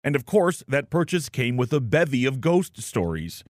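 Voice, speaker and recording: A man's voice: mid-range voice, very animated, normal speed. A man hosting a podcast, narrating ghost stories from a script in a storytelling manner. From Michigan. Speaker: podcast host.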